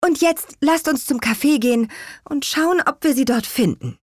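A woman voicing a calm, kind witch in a children's audio story, speaking reassuringly. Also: high-pitched, moderate pace, dry recording, studio quality, voice pushed up, natural voice.

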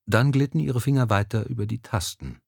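A man narrating an audiobook in a calm, even storytelling manner. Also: mid-range voice, brisk, gravelly, breathy edge, dry recording, studio quality. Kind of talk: scripted narration.

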